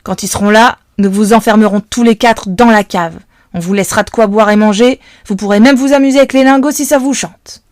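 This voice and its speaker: A woman's voice: mid-range voice, a little fast, a little mellow, no room sound, clean studio sound, close to an everyday voice. A woman doing a menacing male kidnapper. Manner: menacing, domineering. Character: gruff threatening adult male kidnapper.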